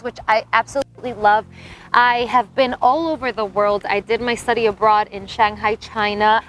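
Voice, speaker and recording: Chatty upbeat american lady in her 30s pitching herself to camera, kinda high voice, faint noise behind. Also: fairly bright tone. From United States. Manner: talkative, upbeat and bubbly. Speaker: TV host auditioning. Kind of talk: direct-to-camera audition pitch.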